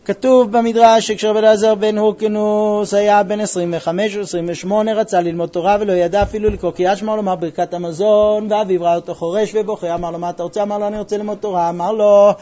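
High-voiced man teaching Talmud. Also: hardly any pauses, muffled recording. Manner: lively, retells stories with quoted dialogue, quizzes students. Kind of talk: classroom lesson with storytelling.

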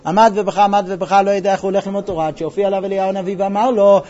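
A man's voice: high-pitched, little pitch movement, dark tone, muffled recording. A man teaching a Talmud class, retelling stories with quoted dialogue and quizzing his students. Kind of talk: classroom lesson with storytelling.

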